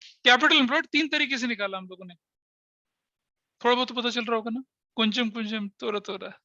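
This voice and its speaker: In this online lecture, a middle-aged man teaches accountancy in a very high, sharp voice at a slightly quick pace. Switching between Hindi and English terms, he talks straight to his students, sometimes joking and sometimes scolding. The recording sounds dull and has no room sound.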